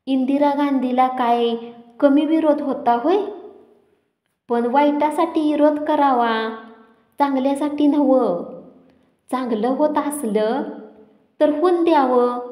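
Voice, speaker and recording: A woman narrating a village story in the first person, measured and dramatic, recorded in a roomy space with long reverb. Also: on the high side, dark tone.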